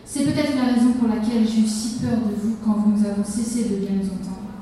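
A woman's voice: mid-range voice, steady tone, a little fast, mellow, a little hiss or hum, natural voice. A woman reading aloud the lines of an ardent woman confessing old feelings. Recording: distant, echoey hall.

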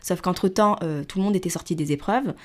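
A young adult woman tells a personal anecdote in a casual, chatty way. She acts out the lines of the people in her story. Her voice sits slightly low for a woman. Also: fairly quick. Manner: animated, acts out dialogue, chatty fillers.

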